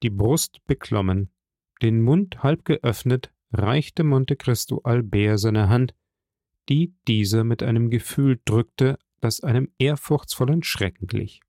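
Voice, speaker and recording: A man narrating a classic novel as an audiobook, in a measured, deliberate reading. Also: mid-range voice, warm tone, no room sound, clean studio sound. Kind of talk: scripted literary narration.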